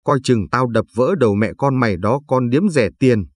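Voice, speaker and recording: A man's voice: mid-range voice, moderate pace, dry recording, natural voice. A man reading the part of a cruel, contemptuous husband who sneers, insults and threatens in a storybook reading. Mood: threatening.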